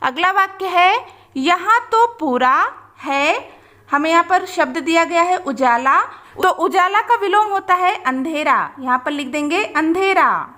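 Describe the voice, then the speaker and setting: A woman teaching young children a worksheet, reading each sentence slowly and patiently. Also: extremely high pitch, expressive, pushed and bright. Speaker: teacher and channel host.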